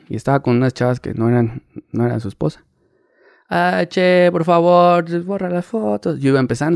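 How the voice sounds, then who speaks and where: Mexican man, thirties, gravelly voice, lively storyteller, dry close mic. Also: mid-range voice, dry recording. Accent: Mexican Spanish. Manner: animated, acts out quoted voices, laughs mid-story. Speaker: paparazzi guest. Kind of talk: casual interview storytelling.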